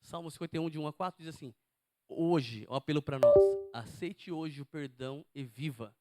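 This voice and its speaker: A man's voice: fairly high pitch, a little fast, over loud music. A man preaching a sermon to a congregation, emphatic and often asking them questions.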